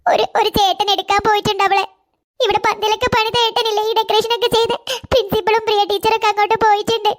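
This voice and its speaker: A woman's voice: extremely high pitch, level tone, fast talker. A woman voicing a frightened little girl in a cartoon who cries and talks breathlessly. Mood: panicked. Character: panicked little girl named Sneha. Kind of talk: cartoon voice acting.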